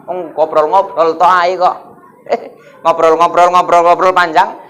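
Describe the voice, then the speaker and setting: High-voiced joking preacher man. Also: level tone, a little slow, fairly bright tone, smooth. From North Sumatra, Indonesia. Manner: jokey, keeps asking the crowd for replies. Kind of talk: humorous sermon. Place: mosque.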